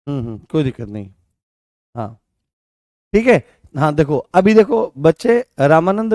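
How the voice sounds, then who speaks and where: A man's voice: fairly high pitch, a little mellow, no room sound, studio quality. A man teaching a live online Hindi grammar class for exam candidates, repeating points and asking questions he answers himself, with a Rajasthani Hindi accent. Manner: repetitive, asks questions and answers them himself, sometimes sings lines.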